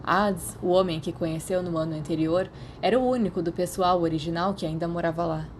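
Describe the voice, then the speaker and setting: Reading scripted fiction aloud as a podfic narrator, this Brazilian-accented woman speaks fairly quickly in a lowish, darkish voice with a steady tone. Slight background noise sits under the recording.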